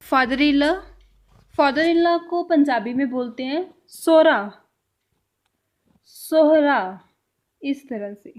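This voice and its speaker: A woman with a high voice teaches a language lesson. She speaks in an unhurried way and repeats every word slowly and carefully, as if for beginners. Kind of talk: slow vocabulary lesson.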